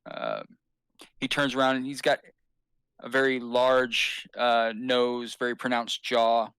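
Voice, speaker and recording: A man's voice: mid-range voice, little pitch movement, takes it slowly, a bit bright, smooth, no echo. A man narrating as game master in a tabletop game, rambling and hesitant with fillers.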